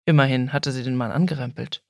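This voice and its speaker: A woman narrating an audiobook in a calm, even storytelling manner, recorded dry and close. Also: rumbling low, quick pace, dry recording. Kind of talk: scripted narration.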